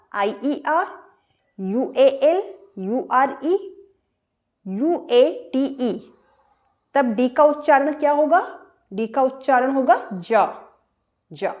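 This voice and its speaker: A woman's voice: high voice, a little mellow. A woman teaching English pronunciation, spelling words out letter by letter and asking and answering her own questions. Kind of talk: explaining pronunciation rules.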